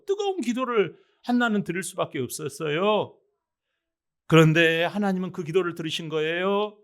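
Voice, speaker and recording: A man's voice: sits high, a bit bright, clear, resonant tone. A male pastor preaching a sermon, emphatic, often addressing the congregation with rhetorical questions.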